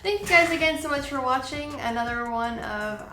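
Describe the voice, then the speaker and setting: A woman's voice: high-pitched, expressive, normal speed, music in the background. A woman co-hosting as a missionary, wrapping up the video in an upbeat, bubbly way. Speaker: missionary co-host. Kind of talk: cheerful video sign-off. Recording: echoey room.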